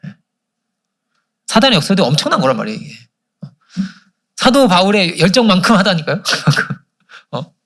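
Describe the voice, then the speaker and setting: A man's voice: sits high, very animated, moderate pace, pauses often, a bit bright. A man preaching a sermon as pastor, asking the congregation questions and answering them himself. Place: church service.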